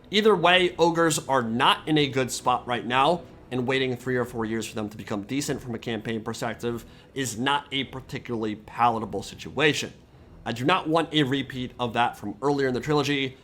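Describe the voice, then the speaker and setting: A man delivering scripted gaming commentary as a video host, in articulate, measured, wordy phrasing. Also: mid-range voice, a bit bright, slight background noise.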